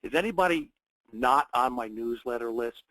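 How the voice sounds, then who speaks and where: Welcoming viewers to his live trading webinar, this U.S. host talks in clipped phrases packed with fillers, and his cold makes him sound slightly nasal. His medium-pitched voice is animated and fairly bright, moving at a moderate pace. There's no echo, though the recording quality is poor.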